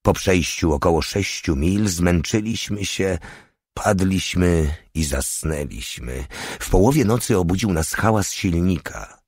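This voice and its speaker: A man reading an audiobook in a measured, unhurried narrating style. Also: low-pitched, expressive, darkish tone, slightly rough, no room sound, clean studio sound. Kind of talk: scripted narration.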